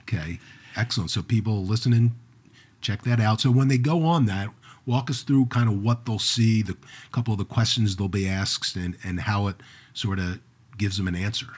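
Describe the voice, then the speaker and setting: A man's voice: fairly low pitch, normal speed, breathy edge. A man hosting a podcast interview, asking a guest to clarify and repeat, in a friendly manner. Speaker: podcast host.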